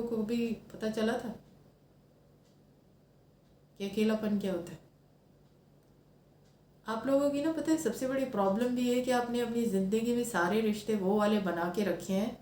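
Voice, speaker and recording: A woman's voice: a little high, a little mellow, roomy sound, slight background noise. A woman in her thirties giving an earnest, reflective personal talk as a spiritual speaker, slipping English phrases into her speech.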